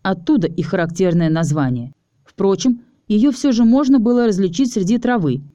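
Man narrating with a mellow, dry voice. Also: a little high, no room sound. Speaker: audiobook narrator. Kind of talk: first-person fantasy narration.

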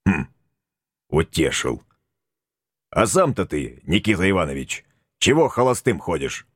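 A man's voice: sits low, very animated, measured pace, a bit bright, slightly rough, no echo, clean studio sound, full character voice. A man voicing a folksy, bossy tsar in an audiobook, talking bluntly in homespun old-fashioned speech. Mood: chiding. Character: folksy bossy male tsar, middle-aged. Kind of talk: audiobook character voice.

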